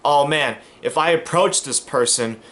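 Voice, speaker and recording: A man's voice: fairly high pitch, a little slow, a bit bright. A man from the United States talking casually to camera as a vlogger, rambling and emphatic, with many fillers and restarts. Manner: earnest, emphatic.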